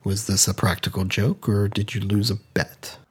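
A male narrator voicing a calm, caring man who gently reasons with a friend. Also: lowish voice, moderate pace, breathy edge. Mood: earnest.

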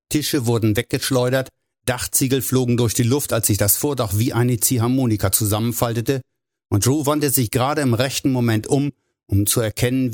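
A man narrating a novel in a measured storytelling way. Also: mid-range voice, a little mellow, no room sound, clean studio sound. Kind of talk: audiobook narration.

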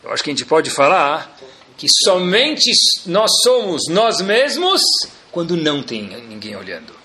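His voice leans high and his pace is a bit slow as he teaches Torah. This Brazilian-accented religious teacher stays animated, tossing out rhetorical questions and jokes to the group.

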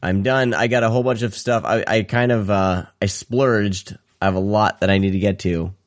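A man with a lowish voice talks in an easygoing, joking way as a podcast co-host, dropping casual swears. He is heard over a call, close and dry. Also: fairly even intonation, normal speed, no room sound. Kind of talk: casual chat. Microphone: remote call.

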